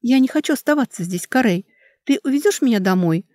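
A woman's voice: fairly high pitch, expressive, brisk, a little mellow, dry recording, studio quality, voice pushed up, natural voice. A woman voicing a frightened young girl with a raised, trembling voice in an audiobook. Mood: tearful.

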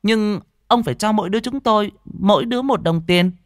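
A man voicing a cheeky, clever village boy in a ghost story, speaking in a high, teasing voice. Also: brisk, dry recording, studio quality.

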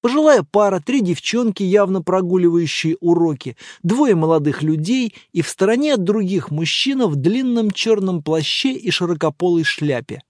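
Expressive audiobook narrator, very lively. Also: mid-range voice, moderate pace, hardly any pauses, no echo, studio quality. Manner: expressive, dramatic reading.

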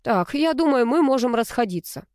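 A woman's voice: on the high side, expressive, moderate pace, a little mellow, smooth, dry recording, studio quality, voice pushed up, natural voice. Woman reading as a sniffly grumpy teenage boy. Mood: peevish. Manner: peevish, sneezing, mumbling.

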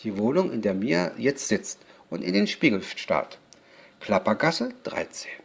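A man with a gravelly voice reads a children's storybook aloud, slowly and with a lively melody. He is unpolished, often restarting a line and laughing at his own slips. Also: fairly low pitch. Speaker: podcast host reading a children's story.

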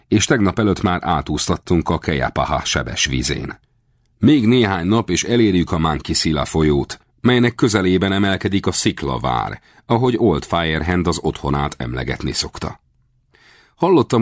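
A man narrating a novel in the first person as an audiobook, in steady, measured storytelling. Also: sits low, no echo, studio quality.

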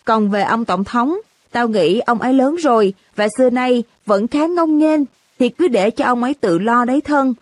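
A tearful teenage schoolgirl scolds her best friend through sobs, in a raised, girlish pitch, voiced by a woman. The storybook reading is close and dry. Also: normal speed, darkish tone, no room sound, lightly acted. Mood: tearful scolding. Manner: sobbing, scolding.

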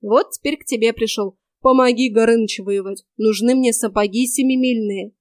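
A woman's voice: fairly high pitch, fairly even intonation, moderate pace, no echo, lightly acted. Boastful rustic young fool of a fairy tale, as a woman narrator puts him on, close dry sound. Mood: eager. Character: boastful simple-minded young male hero.

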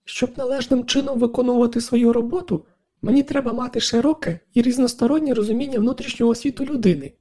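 A man doing a lovesick female ship computer, way up high, shaky, soft mellow tone. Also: fast. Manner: slightly unsteady, trembling voice. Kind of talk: audiobook narration.

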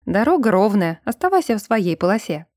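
A calm, self-assured young man giving patient instructions, read by a woman in a storybook. Her tone is mellow and soft, and the recording is dry and close. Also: mid-range voice, fairly quick, no room sound. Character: calm, confident young man, gently teasing.

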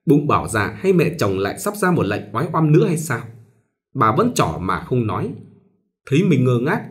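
Expressive man narrating a novel. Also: mid-range voice. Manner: expressive storytelling. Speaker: audiobook narrator.

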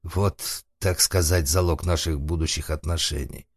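A man's voice: sits low, steady tone, moderate pace, no room sound, clean studio sound. A man voicing a cunning, ardent suitor who woos and takes offense with mock solemnity, in a comic audiobook. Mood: earnest wooing. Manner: earnest, mock-solemn, indignant. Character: cunning wooden-boy suitor, ardent and calculating.

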